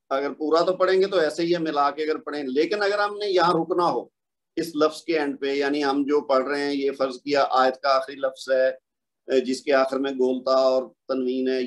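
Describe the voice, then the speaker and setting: Patient, fairly high-voiced male teacher. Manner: patient, explaining step by step with questions to the learner; slows down to draw out example words. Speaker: Quran recitation teacher. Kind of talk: recorded online lesson.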